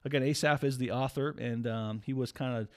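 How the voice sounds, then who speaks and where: A man's voice: mid-range voice, fairly even intonation, brisk. A man talking casually and earnestly as a Bible teacher, walking through a psalm in conversation with many restarts. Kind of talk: casual Bible study chat.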